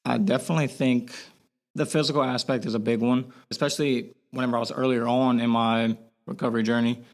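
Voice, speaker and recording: A young man with a Boston accent, a podcast guest talking candidly in a halting way, with many restarts. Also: mid-range voice, steady tone. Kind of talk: casual podcast interview.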